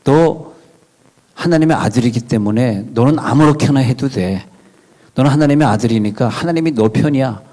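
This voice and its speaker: A pastor voicing the devil as a tempter who coaxes and goads a believer with false flattery. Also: male voice, mid-range voice, normal speed, lightly acted. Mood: goading. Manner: coaxing, goading, insistent.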